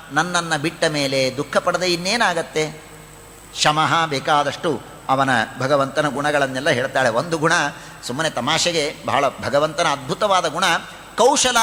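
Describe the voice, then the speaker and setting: A man with a fairly high, bright voice gives a devotional scripture discourse. He tells the story and acts out its dialogue, breaking into chanted Sanskrit verses. His voice rings out in a hall with a long reverb and a faint hum of noise behind it. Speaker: pravachan speaker.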